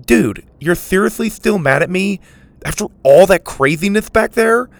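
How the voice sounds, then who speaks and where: A man's voice: fairly high pitch, expressive, moderate pace, creaky, no room sound, voice pushed up. A man voicing a brash teenage boy in a storybook reading, teasing and mocking. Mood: needling. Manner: needling, mocking.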